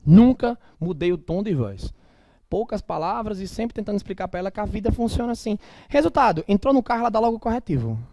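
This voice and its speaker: A middle-aged male teacher with a Northeastern Brazilian accent gives a classroom lecture in a high voice that leaps up and down. He is emphatic and colloquial and throws in blunt asides. The sound is dry and close. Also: expressive, fast, mellow, no echo.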